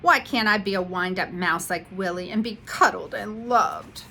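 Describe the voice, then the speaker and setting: A woman voicing a small, eager male mouse in a storybook read-aloud, speaking in a high, pleading way. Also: moderate pace, creaky, slight background noise. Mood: wistful. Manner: high, pleading, rising to excited calls.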